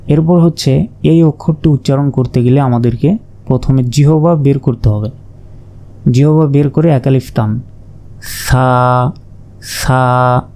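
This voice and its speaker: Man, slow patient lesson, mellow voice, repeats each letter. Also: mid-range voice. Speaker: Quran reading teacher.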